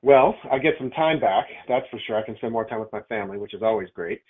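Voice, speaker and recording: A property owner with a low voice chats casually on a phone call, easygoing and hesitant, thinking aloud as he goes. He talks fast with lively intonation, over a narrow, tinny phone line.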